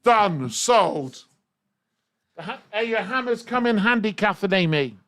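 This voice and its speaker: A man's voice: high-pitched, a little slow. A man hosting a live radio charity auction, energetically urging listeners to bid. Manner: energetic, urging bids, rising excitement. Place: radio studio.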